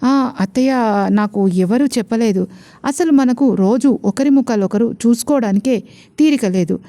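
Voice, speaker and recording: A woman voicing a calm, clever young wife. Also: on the high side, normal speed, close to an everyday voice. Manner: patient, gently persuasive.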